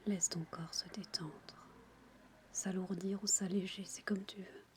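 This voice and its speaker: A woman speaks in a close, intimate whisper, entirely breathy. She gives soothing relaxation instructions at a very slow pace with little melodic movement. A faint ambient noise sits behind her voice. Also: mid-range voice, steady tone. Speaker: relaxation guide for childbirth. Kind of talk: whispered ASMR guided relaxation.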